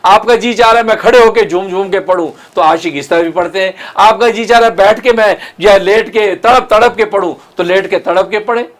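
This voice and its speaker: A man's voice: sits high, fairly quick, hardly any pauses. A man preaching as a mufti, arguing point by point in a rhetorical lecture and quoting scripture. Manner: rhetorical, argumentative, quotes scripture. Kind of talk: religious lecture.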